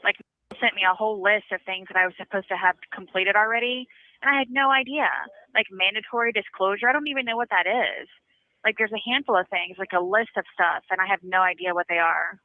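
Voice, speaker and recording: A woman's voice: medium pitch, brisk, dry recording. A woman calling from prison over a phone line, talking in a worried, complaining way. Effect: prison phone call line. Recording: tinny dry phone line.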